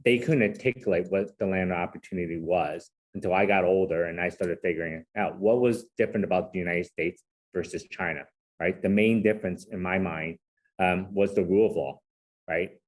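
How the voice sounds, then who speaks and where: Low voiced guy being interviewed, laid back, kinda modest, keeps saying right?. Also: a little fast. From Hong Kong, raised in San Francisco. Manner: relaxed, self-deprecating, frequent "right?" tags. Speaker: guest, corporate chief legal officer. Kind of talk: casual interview conversation.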